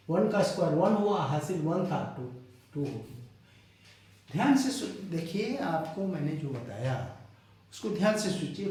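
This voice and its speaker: A man's voice: high voice, a little mellow. A male math teacher talking students through sums step by step and checking in with "okay?" between steps. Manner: talks students step by step, works sums aloud. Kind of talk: classroom math lesson. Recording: very echoey room, voice far from the mic.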